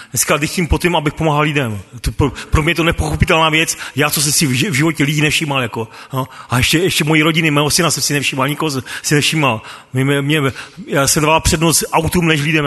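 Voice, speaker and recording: A man's voice: a little high, pushed and bright, slightly rough, in a large hall. A man sharing a personal faith testimony as a ministry worker, stammering through restarts and chuckling often.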